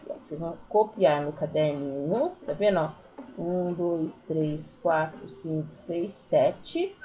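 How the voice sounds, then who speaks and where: Woman, Brazilian Portuguese accent, primary teacher, patient, counts aloud, animated pitch. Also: low-quality recording. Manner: slow, patient explaining with diminutives and counting aloud. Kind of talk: recorded remote class lesson.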